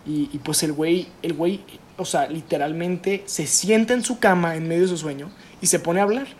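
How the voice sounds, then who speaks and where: A man's voice: fairly high pitch, moderate pace, a little mellow, a little hiss or hum. A young man with a Mexican Spanish accent telling an anecdote in an easygoing way during casual chat with friends.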